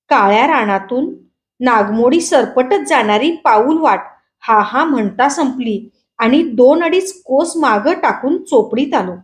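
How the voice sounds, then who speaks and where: A woman reading a rural story aloud with a Marathi accent, in steady first-person storytelling narration. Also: high-pitched. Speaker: story reader.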